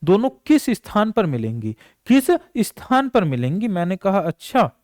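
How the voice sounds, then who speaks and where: The recording is dry and close with no echo as a male math teacher preps students for an exam. At normal speed, his high, lively voice rises and falls while he works through each problem step by step, firing questions and supplying the answers himself.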